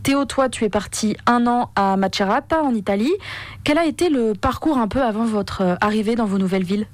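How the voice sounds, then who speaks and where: A female radio reporter narrating a report and asking interview questions in a clear, scripted way. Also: a little high, a little fast, no room sound.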